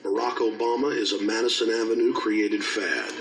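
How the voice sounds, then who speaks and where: A man's voice: on the low side, steady tone, moderate pace, rough recording. A man giving grave, insistent scripted documentary narration, heard as a film played through a speaker and re-recorded. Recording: re-recorded speaker playback with clear music.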